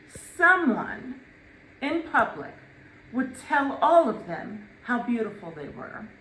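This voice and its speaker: A woman with a fairly high voice delivers a eulogy at a slow, deliberate pace. She tells family stories with dramatic pauses and emphasis. The room echoes around her. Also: a bit bright. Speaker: eulogist, daughter of the deceased. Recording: echoey room with faint noise.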